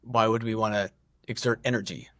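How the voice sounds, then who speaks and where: A man's voice: lowish voice, steady tone, a little fast, fairly bright tone, dry recording, clean studio sound. A middle-aged man talking as a podcast guest, rambling and self-deprecating, with frequent restarts and laughs. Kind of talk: casual podcast conversation.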